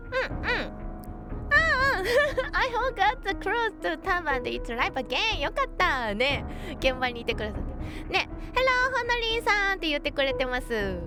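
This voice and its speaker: Kansai-accented woman streamer with a high, bouncy voice that swings widely, chatty and exclamatory. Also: sing-song, a little slow, over music. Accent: Kansai Japanese. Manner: chatty, exclaims often, thanks viewers warmly. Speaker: game streamer. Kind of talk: casual live-stream chat while playing.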